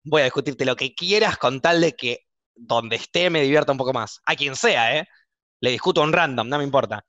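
A young Argentine man hosting a casual podcast chat, talking emphatically and with passion, so that he sounds angry even when he is not. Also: mid-range voice, a little fast, no room sound, muffled recording. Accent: Argentine Spanish. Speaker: podcast host.

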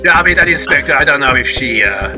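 A man's voice: mid-range voice, animated, quick pace, lightly acted. A man playing a callous grown son, blunt and dismissive, over background music. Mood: scheming. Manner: blunt, dismissive, repeats "yeah?". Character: callous grown son glad his father died. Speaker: improv actor.

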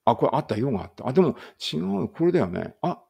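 A man's voice: medium pitch, very animated, fast, creaky, warm tone, husky. A man reading a study text aloud in a casual study-along and thinking aloud in muttered asides. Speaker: language teacher reading aloud.

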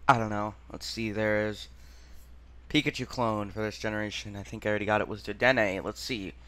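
A man with a lowish, smooth and clear voice talks his way through a quiz, thinking aloud. He mutters and halts, trailing off mid-phrase and sounding out words. The delivery is casual and unpolished, like a gaming host playing on camera. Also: steady tone, fairly quick, pushed and bright.

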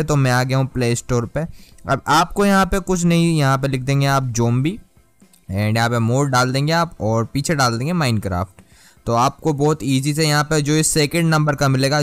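A man's voice: mid-range voice, smooth, dry recording. A man hosting a gaming channel, talking viewers through a mobile game tutorial in a casual, chatty way and calling them guys and brother.

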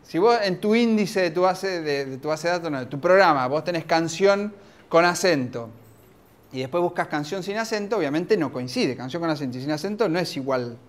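A man with an Argentine accent giving an informal, lively technical talk at a conference, often restarting his sentences. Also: fairly high pitch, brisk. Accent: Argentine Spanish. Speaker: conference speaker. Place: conference room.

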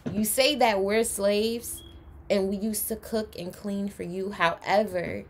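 Woman, reaction host, gravelly voice, emphatic, passionate, at home on webcam. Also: medium pitch, fairly even intonation, slow, slight background noise. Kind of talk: reaction commentary. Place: indoors, home room.

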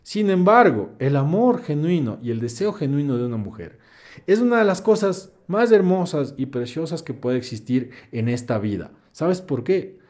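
A man's voice: on the high side, big pitch swings, moderate pace, darkish tone. A young man hosts a live stream. He reads viewers' questions aloud and answers them in a blunt, preachy, slangy way. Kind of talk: live Q&A, reading chat comments aloud.

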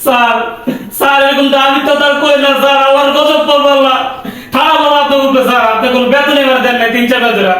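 Guy doing a tearful servant begging the boss, bengali accent, fast high voice, far away roomy mic. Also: little pitch movement, pushed and bright. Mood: pleading. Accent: Bangladeshi Bengali. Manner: pleading, repeats 'sir' over and over. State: crying. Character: desperate young male servant begging for his wages. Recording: echoey room, mic far off.

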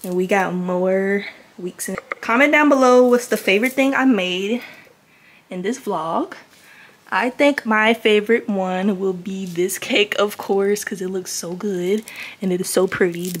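A woman's voice: mid-range voice, unhurried. A young woman chatting casually in a vlog, showing off things she has made and gushing over them. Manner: gushing, chatty show-and-tell. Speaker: crochet vlogger.

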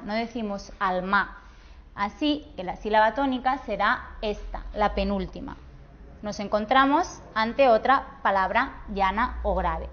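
A woman with a Peninsular Spanish accent teaching a grammar lesson, saying example words slowly and clearly. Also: fairly high pitch. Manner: slow, clear, drawn-out pronunciation of example words. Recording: dull, lo-fi sound.

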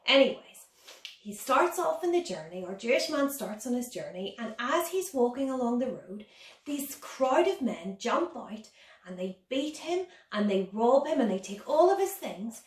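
Speaking at a normal speed with a fairly high, very animated voice, this woman in her thirties leads a Sunday school lesson for children. She keeps her explanations simple and puts questions to the kids. The setting is a dining room at home, captured by a phone camera about two metres off, so the audio sounds distant and roomy.

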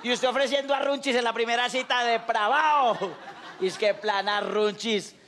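A man with a Colombian accent performing a stand-up comedy monologue, animated and slangy, acting out little scenes as he goes. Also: very high voice, normal speed, slight background noise.

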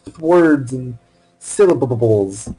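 Male let's-play gamer, husky voice with a lively, swooping pitch, casual self-talk, cusses freely and yelps at surprises. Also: slow, low-quality recording. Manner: swearing, talking to himself, sudden excited outbursts. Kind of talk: casual game commentary. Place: alone in a room at a computer. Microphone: wearing headphones.

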